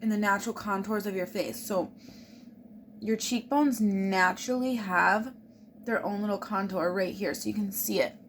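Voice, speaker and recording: A woman's voice: mid-range voice, moderate pace, a little hiss or hum. A woman casually walking viewers through her makeup routine, explaining each step as she goes. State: hiccuping. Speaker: beauty vlogger.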